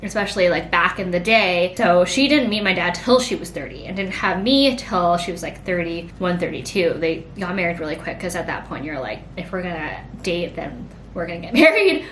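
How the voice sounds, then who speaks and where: In an echoey home room with a faint rumble underneath, a woman in her late twenties vlogs a relaxed pregnancy Q&A. Her voice is expressive and a bit bright, moving at normal speed with few pauses, and she rambles, saying "like" constantly.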